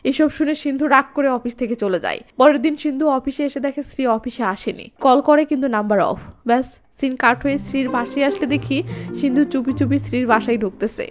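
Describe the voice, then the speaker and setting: A woman narrating a movie recap in a lively storytelling way, reading every character's dialogue in her own voice. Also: high-pitched, fast, faint music behind.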